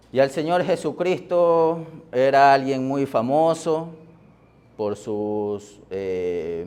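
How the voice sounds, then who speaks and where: A man preaching a sermon as pastor, deliberate, with pauses and fillers, rising in force on key words. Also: medium pitch, darkish tone, clean tone. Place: church.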